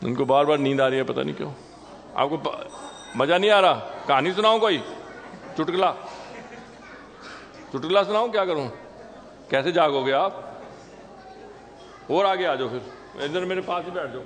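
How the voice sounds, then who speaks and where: A man's voice: fairly high pitch, normal speed, long pauses, fairly bright tone, big-room sound. A man giving a Sunday sermon as temple lecturer, conversational and teasing the audience with questions. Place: temple hall.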